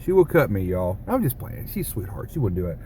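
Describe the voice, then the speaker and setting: A man's voice: on the low side, very animated, fast talker, warm tone, slight background noise. A man who rambles, jokes and swears through a casual vlog monologue. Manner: rambling, joking, profane. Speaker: vlogger.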